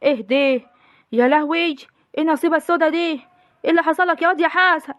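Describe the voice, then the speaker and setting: امرأة تؤدي دور حماة ريفية مولولة بلهجة ريفية مصرية، صوتها مرتفع وسريع وتندب بمبالغة كوميدية. الصوت جاف بلا صدى. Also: female voice, high voice, steady tone, fast, no room sound, clean studio sound, lightly acted. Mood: wailing. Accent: rural Egyptian. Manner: wailing, lamenting, melodramatic. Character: loud wailing rural mother of the grooms. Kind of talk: comic village sketch.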